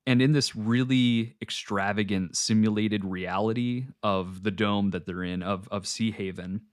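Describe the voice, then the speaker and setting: A man's voice: lowish voice, measured pace, clean tone, no echo, studio quality. A man co-hosting a podcast, chatting casually and analytically about a film scene. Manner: relaxed, analytical, with filler restarts. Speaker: podcast co-host. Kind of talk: casual film breakdown chat.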